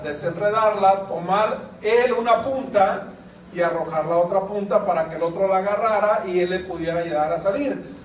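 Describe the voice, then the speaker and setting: High-voiced man preaching in an echoey hall. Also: a little hiss or hum. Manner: preaching with call-and-response questions to the congregation. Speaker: pastor. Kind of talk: sermon. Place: church sanctuary. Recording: echoey church hall, picked up from a distance.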